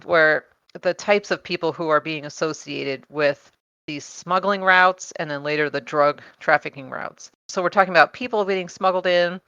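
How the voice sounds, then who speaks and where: A woman's voice: deep voice, vocal fry, a bit bright, clear, resonant tone, no echo, dull audio. A woman co-hosting a podcast, explaining her research in casual chat with many fillers and frequent laughs. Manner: chatty, laughs often, many fillers and restarts.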